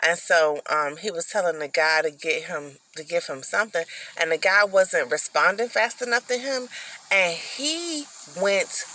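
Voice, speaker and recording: A woman's voice: lowish voice, expressive, measured pace, pushed and bright, a little hiss or hum, rough recording. A woman telling a personal story in a casual, rambling way, full of likes and ums.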